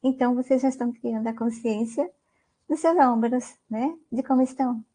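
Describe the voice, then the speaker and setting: Mellow-voiced Brazilian woman lecturing casually. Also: a little high, fairly even intonation, normal speed. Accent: Brazilian Portuguese. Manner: conversational, many "né?" tags, asks the audience questions. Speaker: guest lecturer on mindfulness. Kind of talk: online academic talk.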